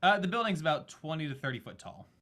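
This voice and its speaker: Guy dm narrating loosely, lots of ums, bright voice. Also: a little high, expressive, quick pace. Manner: casual, rambling narration with fillers. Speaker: game master. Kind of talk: narrating a tabletop game.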